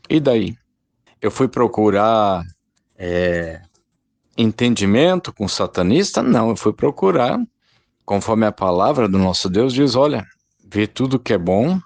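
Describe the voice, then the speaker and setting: Gravelly man preaching a casual sermon. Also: mid-range voice, no echo. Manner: conversational, addresses listeners as brothers, rambling. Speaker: lay preacher. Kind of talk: informal spoken sermon.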